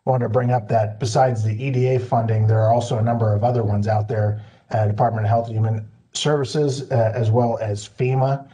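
Flat, mellow man on a video call. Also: mid-range voice, a little fast. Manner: flat, filler-heavy delivery. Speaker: disaster recovery coordinator. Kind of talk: virtual meeting presentation.

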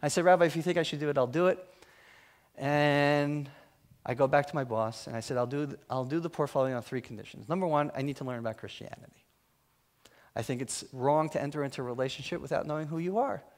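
With a fairly high voice and a quick pace, a man speaks as a guest in a church hall, sharing humorous stories that poke fun at himself and his job.

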